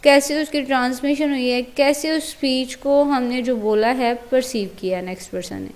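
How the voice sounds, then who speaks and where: A woman with a Pakistani Urdu accent gives a casual explanatory lesson in a high voice. She talks plainly, circles back over the same points and fills pauses with small hesitations. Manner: plain, repetitive explaining with fillers. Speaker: teacher.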